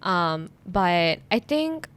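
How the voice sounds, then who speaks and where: A woman's voice: lowish voice, very animated, drawn-out words, a bit bright, clean tone. A young woman, a teacher and content creator, chatting as a podcast guest, friendly and laughing often. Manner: friendly, laughs often, many likes and ums. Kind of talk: casual interview chat.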